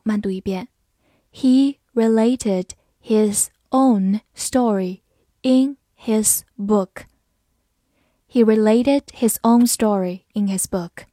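Lady english teacher, slow and patient, spells stuff out, kinda high voice, dry close sound. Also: a little mellow, no echo. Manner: patient, spells letters out and repeats slowly. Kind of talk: vocabulary lesson, spelling and slow read-alouds.

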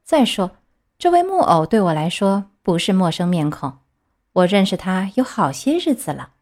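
A woman's voice: medium pitch, very animated, normal speed, darkish tone. A woman voicing a stern, scolding talking cricket in a storybook.

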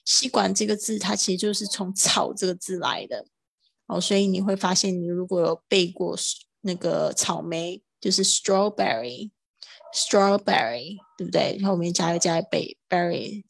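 A woman teaching English vocabulary in a livestream, drawing out model words slowly between quick explanations. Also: fairly low pitch, gravelly, slightly rough, dry recording.

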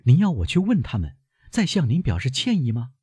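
A man's voice: mid-range voice, huge pitch swings, fairly quick, a little mellow, slightly rough, dry recording, clean studio sound, voice pushed up, heavily acted. A man voicing an anxious, devoted young granddaughter who keeps pressing her questions urgently. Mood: anxious pleading.

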